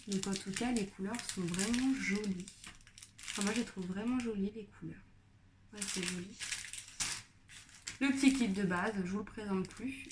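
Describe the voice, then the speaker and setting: A woman's voice: mid-range voice, noisy background. Young woman, French accent, casual unboxing host, mid-range voice, enthusiastic and rambling. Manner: chatty, gushing, many fillers and little exclamations. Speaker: craft vlogger.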